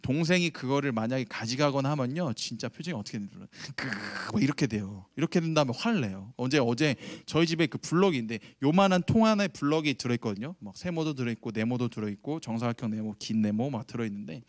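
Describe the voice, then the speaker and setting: A man in his thirties preaching a lively sermon to middle schoolers, telling a family story and asking the audience questions. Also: medium pitch, quick pace, few pauses, no echo, studio quality. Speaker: youth pastor. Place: church sanctuary.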